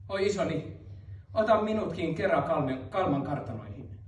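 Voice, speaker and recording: A man's voice: on the high side, lively intonation, a little hiss or hum, lightly acted. A man performing the chanted verse of a frightened young son, pleading with his dead father. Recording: roomy hall, mic far off.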